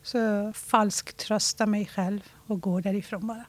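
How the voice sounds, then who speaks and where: A woman from Iran telling a personal story in an interview, reflective and halting, slowing down when she talks about her feelings. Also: mid-range voice, fairly even intonation.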